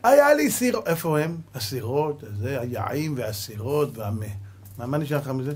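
A middle-aged man, giving a Torah lesson as a rabbi and telling stories dramatically, swinging from loud exclamations to quiet asides. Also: mid-range voice, husky. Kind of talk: animated Torah lesson with storytelling.

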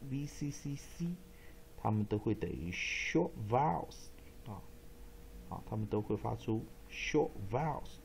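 A man teaching English pronunciation as a phonics lesson, explaining step by step and repeating example words slowly. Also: medium pitch, vocal fry, darkish tone, a little hiss or hum. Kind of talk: classroom-style phonics lesson.

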